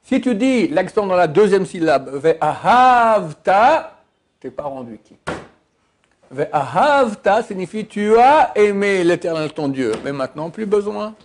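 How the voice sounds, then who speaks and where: A man's voice: sits high, darkish tone. A man teaching a religious lesson as a rabbi, explaining with emphatic repetition and frequent restarts. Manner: emphatic, repeats Hebrew words to stress the syllable; stumbles and restarts often.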